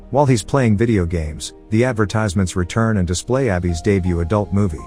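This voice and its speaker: A man narrating a movie recap in an even, measured storytelling voice. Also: on the low side. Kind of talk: scripted narration.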